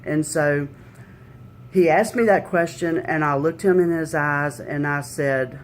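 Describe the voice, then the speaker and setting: A woman's voice: low-pitched, a little slow, slight background noise. Earnest woman telling her faith story. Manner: earnest, conversational, retells dialogue with many "you know"s. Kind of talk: personal faith testimony storytelling.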